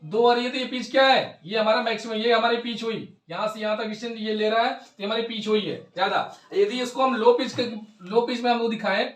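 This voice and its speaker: A male teacher with a very high voice, lecturing a class, who keeps asking questions and answering them himself. He reads definitions out slowly and repeats his key words. He sounds set back from the mic in an echoey room. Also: steady tone, fairly bright tone, distant mic. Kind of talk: Hindi physics class lecture.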